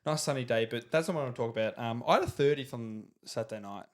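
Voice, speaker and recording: A young man hosting a casual sports podcast, rambling with halting restarts. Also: mid-range voice. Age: young adult. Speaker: podcast host.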